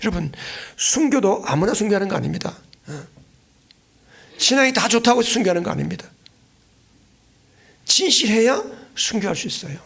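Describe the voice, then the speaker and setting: A man preaching from the pulpit in a high, gravelly voice. He presses his points by repeating phrases and keeps throwing questions to his congregation. Earnest and direct throughout. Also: fairly bright tone. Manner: keeps asking the congregation questions and prompting replies. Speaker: pastor. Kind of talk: sermon.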